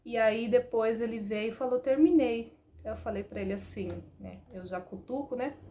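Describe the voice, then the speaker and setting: A woman in her thirties with a Brazilian Portuguese accent, telling stories about parenting in a chatty, animated way that keeps adding "né". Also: a little high, normal speed, a little hiss or hum. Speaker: parenting talk host, mother. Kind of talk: casual storytelling talk.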